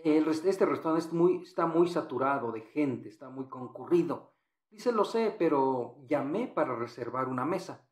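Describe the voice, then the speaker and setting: A man's voice: fairly high pitch, expressive, moderate pace, echoey room. A man teaching English in Spanish, patiently walking through exam answers and repeating phrases.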